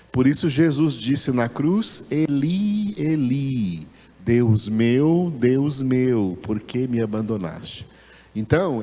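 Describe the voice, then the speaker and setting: A Brazilian-accented man leads a Bible lesson at a slow, careful pace, going back over each word as he explains it. His mid-range voice carries a long reverb tail, as if in a large hall. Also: mid-range voice, a little mellow. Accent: Brazilian Portuguese. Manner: slow, deliberate teaching with repeated phrases. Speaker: Bible teacher.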